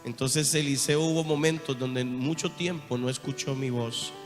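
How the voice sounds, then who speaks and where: A man with a Costa Rican accent preaching a sermon, telling his testimony with strong emotion, moving from hushed speech to loud cries. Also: medium pitch, steady tone, moderate pace. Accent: Costa Rican Spanish. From Costa Rica. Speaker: apostle preaching. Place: large church hall. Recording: reverberant church hall. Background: soft guitar music.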